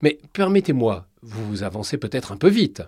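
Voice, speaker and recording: A man's voice: medium pitch, big pitch swings, darkish tone, slightly rough, dry recording, clean studio sound. A man voicing a formal male television news presenter. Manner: measured, formal.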